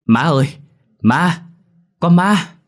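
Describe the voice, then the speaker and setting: A man voicing a cranky, cowardly old male ghost who grumbles loudly and fast. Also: fairly low pitch, close to an everyday voice. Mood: terrified.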